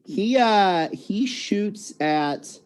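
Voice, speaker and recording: A man running a tabletop game as game master, narrating the action with a relaxed, laughing manner and frequent self-corrections. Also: sits high, extremely slow, smooth. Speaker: dungeon master.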